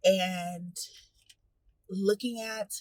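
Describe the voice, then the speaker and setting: A woman's voice: mid-range voice, fairly even intonation, extremely slow, rough recording. A woman in her thirties talking casually to her camera as a vlogger, candid and full of fillers. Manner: chatty, candid, filler-heavy; hushed, nervous whispering in waiting room. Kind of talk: casual vlog chat.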